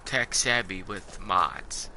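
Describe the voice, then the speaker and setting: A man's voice: low voice, expressive, takes it slowly, sharp tone, a little hiss or hum. A man giving casual, rambling commentary as he plays a video game. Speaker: let's play streamer.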